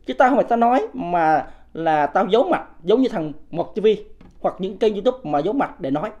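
A man's voice: high-pitched, expressive, brisk, darkish tone. Man in his fifties, livestream commentator, blunt and combative, rhetorical questions to viewers. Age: 50s. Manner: combative, scolds viewers in blunt coarse language; rhetorical, keeps asking the audience "right?".

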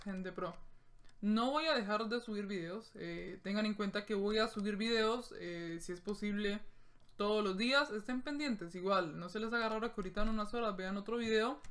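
A young man in his late teens from Colombia, chatting through live gameplay commentary and bursting into excited yells and swearing during fights. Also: sits high. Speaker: gaming youtuber.

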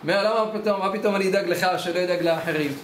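A rabbi with a high-pitched voice gives a weekly Torah lesson as a storytelling sermon in a study hall, acting out the dialogue of his tale. The hall echoes with faint ambience and slight background noise.

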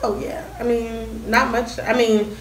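A woman's voice: on the high side, flat delivery, unhurried. A woman co-hosting a casual food vlog, chatting loosely and colloquially. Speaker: YouTube vlog co-host. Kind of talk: casual chat. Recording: echoey room, faint background noise.

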